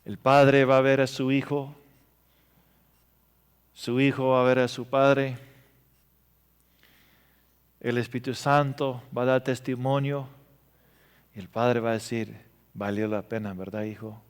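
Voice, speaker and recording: Guy preaching real slow, smooth clear voice, big hall echo. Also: mid-range voice, level tone. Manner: emotional storytelling with sharp swings between loud and hushed. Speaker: pastor. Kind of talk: sermon. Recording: reverberant hall.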